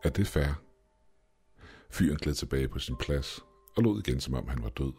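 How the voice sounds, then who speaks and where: A man reads a first-person horror story in a very deep, low voice. His delivery is steady and measured. Soft music plays faintly behind him. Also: husky. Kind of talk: scripted horror story narration.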